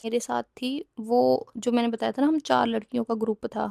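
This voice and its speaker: A young woman recounts a personal story in a loose, rambling way, often circling back and fixing her own words. Her fairly high voice stays level and carries a gravelly, mellow edge. The sound is close and dry. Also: flat delivery, brisk, dry recording. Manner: rambling, repeats and corrects herself mid-sentence. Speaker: storytime vlogger.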